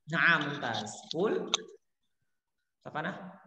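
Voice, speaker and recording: A woman's voice: sits low, animated, extremely slow, bright, forceful tone, a little hiss or hum. A woman teaching Arabic pronunciation to children in a class, patiently drilling words and encouraging each pupil with short Arabic praise. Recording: echoey room with long reverb.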